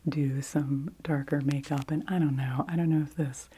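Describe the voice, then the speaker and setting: A middle-aged woman whispering softly into a close microphone, rambling casually in an ASMR video. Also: low voice, fairly even intonation, breathy edge. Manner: soft, unhurried whisper with chatty asides. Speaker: ASMR creator.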